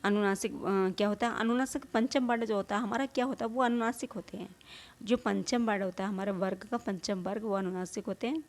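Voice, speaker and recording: A woman's voice: medium pitch, fairly even intonation, brisk. A woman teaching a Hindi grammar lesson, explaining patiently, repeating points, asking rhetorical questions and sounding out vowels herself. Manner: demonstrates vowel sounds aloud.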